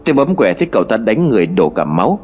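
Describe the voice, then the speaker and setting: A man voicing a stern village sorcerer who speaks in a slow, grave and knowing way, in a spoken horror story. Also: on the low side, big pitch swings, a little mellow, husky, faint music behind.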